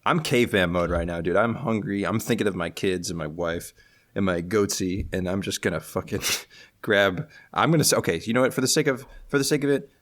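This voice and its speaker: A man's voice: lowish voice, brisk, a bit bright. A young man playing a tabletop game, joking, swearing and laughing in casual chat. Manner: swearing, jokey, laughs often. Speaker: player.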